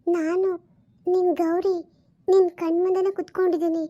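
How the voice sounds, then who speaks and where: A woman voicing the gentle, sorrowful ghost of a dead wife who speaks unseen, pleading slowly and tenderly. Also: very high-pitched, little pitch movement, lo-fi sound. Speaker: spirit speaking unseen to her husband.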